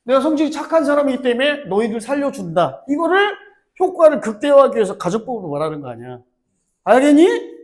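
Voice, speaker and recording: A middle-aged man teaching English grammar to a high school class, joking and teasing students by name as he lectures. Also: fast talker. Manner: teasing, animated, banters with students.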